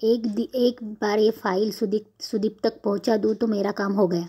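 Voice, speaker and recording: A woman's voice: medium pitch, little pitch movement, normal speed, mellow, husky, lightly acted. A woman reading a sugary, evasive young wife. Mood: sweet, evasive. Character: sweet-talking young wife hiding a secret.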